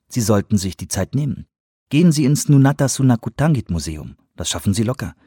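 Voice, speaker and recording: A bright, chatty airport clerk, a woman full of cheerful small talk, as a man reads her lines. She sounds slightly husky and close, with no room around her, in a storybook reading. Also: mid-range voice, dry recording. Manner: cheerful, talkative.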